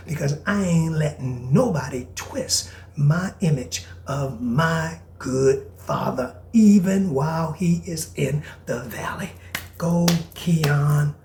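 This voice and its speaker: A man's voice: on the high side, slight background noise. Emphatic preacherly man, echoey room. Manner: emphatic and preacherly, repeats lines, drops to hushed whispers. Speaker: podcast host. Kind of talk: preacher-style podcast monologue, reading aloud.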